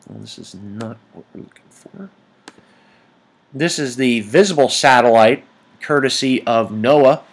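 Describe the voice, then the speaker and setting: Man giving a halting weather briefing. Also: mid-range voice. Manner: hesitant, halting delivery with frequent ums. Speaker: amateur weather report host. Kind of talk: informal weather briefing over screen maps.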